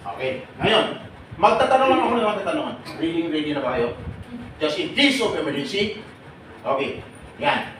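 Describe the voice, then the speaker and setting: A man speaking to a gathered group of overseas workers, animated and laughing often, putting direct questions to his listeners. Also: a little high, normal speed, long pauses. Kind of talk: lively talk to a live group. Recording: echoey room, mic far off, background noise.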